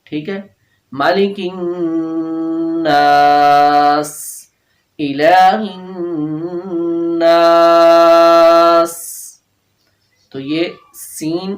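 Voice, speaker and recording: Man teaching Quran recitation, echoey. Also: on the high side. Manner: patient, repeats each letter slowly to teach it; chants Quranic verses in drawn-out recitation. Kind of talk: tajweed lesson.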